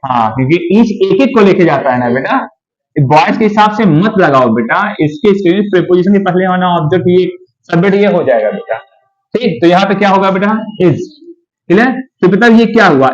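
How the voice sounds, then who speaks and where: A man teaches English grammar in a somewhat high voice. He coaxes his students, keeps checking whether they understood and slows right down to dictate example sentences. The recording sounds dull and lo-fi. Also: animated. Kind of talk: classroom grammar lesson.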